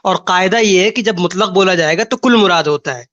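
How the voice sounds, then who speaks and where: Man, cleric in a debate, raised pitch, dull lo-fi call sound, combative, dismissive. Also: fairly bright tone. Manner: combative, cites Arabic rules, dismissive. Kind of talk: heated online debate.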